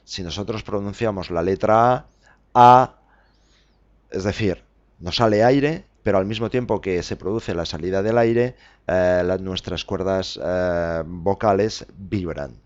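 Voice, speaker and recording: Slow, low-voiced man teaching Spanish. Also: darkish tone, highs cut off. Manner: slow, deliberate, spells out examples with fillers. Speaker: Spanish teacher podcast host. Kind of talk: podcast pronunciation lesson.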